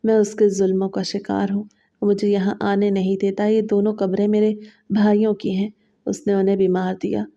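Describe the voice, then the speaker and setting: A woman voicing a frightened young captive girl who pleads softly through tears, in a dull lo-fi recording. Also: mid-range voice, little pitch movement, natural voice. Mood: pleading. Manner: soft, tearful pleading.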